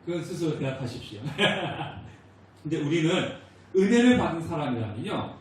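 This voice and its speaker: A man gives a sermon as a church pastor, asking the congregation questions and answering them himself. His voice sits high and carries, and he speaks quoted lines in a raised voice. The recording is very echoey and distant, as if captured from across a large sanctuary. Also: sing-song, moderate pace, a little hiss or hum. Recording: very echoey church hall, voice from far off.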